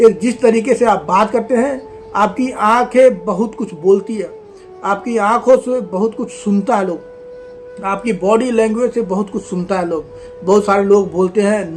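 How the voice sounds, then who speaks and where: High-voiced man coaching with emphasis. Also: a little mellow. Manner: emphatic, repeats points, addresses viewers as friends. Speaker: communication skills coach. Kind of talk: motivational lesson to viewers.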